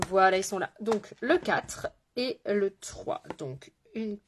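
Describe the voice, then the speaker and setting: This makeup artist has a French accent and a medium-pitched, expressive voice at a slow pace, with slight background noise. During her live tutorial she chats casually, greets her viewers and pokes fun at herself.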